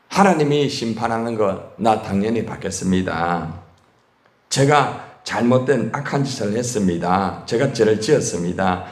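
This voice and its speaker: Korean pastor preaching in an echoey church. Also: male voice, medium pitch, a little mellow. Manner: call-and-response questions to the congregation. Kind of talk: sermon. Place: church sanctuary.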